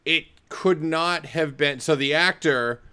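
A man's voice: fairly high pitch, takes it slowly, sharp tone, clean tone. A man co-hosting a podcast in casual chat, laid-back, with short agreeing replies and dry asides. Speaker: podcast co-host. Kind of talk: casual chat about a TV episode.

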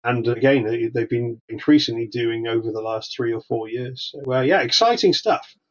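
Heard in a slightly dull, lo-fi recording, this man from Wales speaks at normal speed in a medium-pitched voice. As a podcast guest consultant, he chats casually, hesitating and restarting often.

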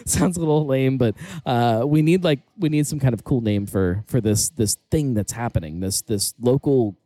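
A man's voice: medium pitch, moderate pace, warm tone, no room sound. A man hosting a podcast in a casual, rambling, jokey chat. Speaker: podcast host. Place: table in the corner of a brewery tap room.

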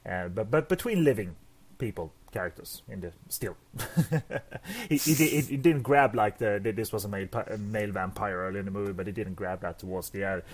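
A man's voice: lowish voice, fairly quick. A man co-hosting a casual movie podcast, stammering and repeating words, often chuckling. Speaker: podcast co-host.

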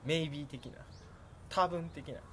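A man's voice: on the high side, normal speed, a bit bright, slight background noise. A young man with a Kansai accent chatting casually and playfully, laughing often. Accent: Kansai Japanese. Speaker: conversation partner. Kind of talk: casual chat.

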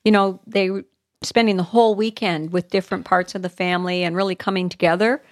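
A middle-aged woman, co-hosting a casual chat podcast, animated and quick to get riled. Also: medium pitch. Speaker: podcast co-host.

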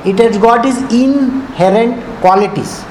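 A man's voice: very high-pitched, measured pace, a little mellow. A man with a South Indian accent giving an informal spiritual discourse, didactic and conversational, often checking that listeners understand. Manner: switches between English and Hindi. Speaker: spiritual teacher. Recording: echoey room with faint noise.

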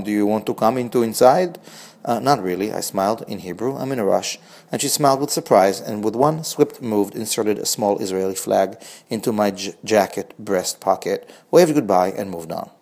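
A man's voice: lowish voice, gravelly, a little mellow. A man in his forties with a wry, reflective manner, reading his own scripted personal essay as a blog host.

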